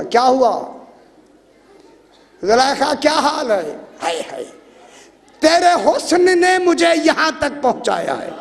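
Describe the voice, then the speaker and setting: A man's voice: sits high, vocal fry. A man preaching a majlis sermon. He breaks into sing-song cries and keeps asking the audience questions. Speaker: religious preacher. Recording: long hall reverb.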